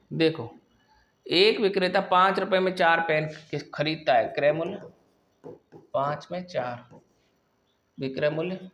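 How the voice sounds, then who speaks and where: A male maths teacher giving a classroom lesson, working through problems step by step and often pausing to check that students follow. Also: on the high side, muffled recording.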